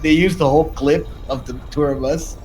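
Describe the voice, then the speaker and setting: Joking young male streamer, slightly high voice. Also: fairly even intonation, a little fast, darkish tone, low-quality recording. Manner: joking, laughs a lot, swears casually. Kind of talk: casual chat while gaming.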